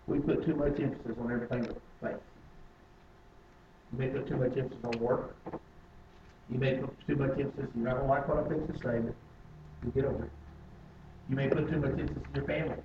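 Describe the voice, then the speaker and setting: A man preaching a sermon as pastor, swinging between loud emphatic stretches and low, quiet ones. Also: fairly even intonation, quick pace, pauses often, highs cut off, noisy background. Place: church sanctuary. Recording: echoey church from a distance.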